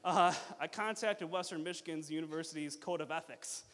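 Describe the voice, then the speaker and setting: Man, rambling best man speech, fairly high pitch, informal, joking, halting restarts, lots of filler words, reverberant hall. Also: fairly bright tone, slight background noise. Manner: rambling, halting, with false starts and repeated fillers. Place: reverberant hall at a wedding reception.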